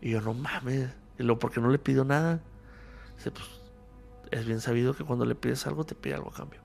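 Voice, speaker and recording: Gravelly Mexican man telling a story. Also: mid-range voice, steady tone, brisk, a little mellow, soft background music. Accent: Mexican Spanish. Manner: acts out both sides of remembered dialogue. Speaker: podcast guest telling a story. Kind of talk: casual storytelling in a podcast chat.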